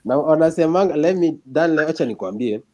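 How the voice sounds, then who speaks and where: A man's voice: on the high side, expressive, quick pace, warm tone, lo-fi sound. A man with a Kenyan accent chatting casually and telling stories, switching between Swahili and English. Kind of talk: casual chat, storytelling.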